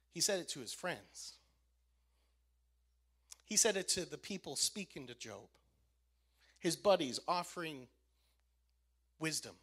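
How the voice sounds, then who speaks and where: A man's voice: fairly high pitch, a bit bright. A man who works as a youth minister, preaching an emphatic sermon and repeating key lines for emphasis. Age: adult.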